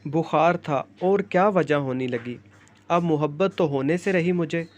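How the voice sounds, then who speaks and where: A man's voice: a little high, close to an everyday voice. A man voicing a young man in love who is sick, playful and devoted. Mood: joking.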